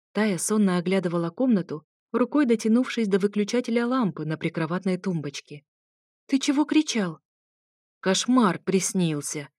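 A woman's voice: medium pitch, a little mellow, dry recording, clean studio sound. A woman reading a first-person story aloud, in a wry, conversational way. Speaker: audiobook reader.

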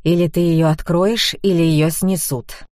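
A woman's voice: fairly low pitch, steady tone, measured pace, darkish tone, dry recording, studio quality, close to an everyday voice. A woman reader voicing a sleepy, grumpy young mother who pleads and grumbles wearily. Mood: weary, grumpy. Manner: weary and pleading.

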